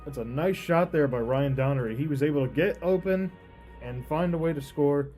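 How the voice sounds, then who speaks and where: A man's voice: a little high, normal speed, dark tone, faint music behind. A man giving live color commentary on a lacrosse game in a plain, conversational way between plays.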